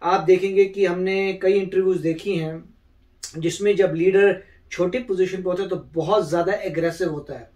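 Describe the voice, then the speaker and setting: A man with a fairly high voice co-hosts a reaction video, explaining his view in a calm, measured way. His talk is relaxed and conversational, building a point step by step. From India. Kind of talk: casual reaction chat.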